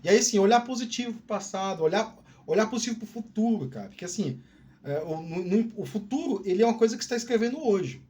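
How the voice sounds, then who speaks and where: A man's voice: sits high, lively intonation, fast, darkish tone. A middle-aged man with a Northeastern Brazilian accent who hosts a channel. He talks to camera in a candid, rambling way, with restarts and "né, cara" tags. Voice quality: drawling speech. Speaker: YouTube channel host. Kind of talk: casual solo talk to camera.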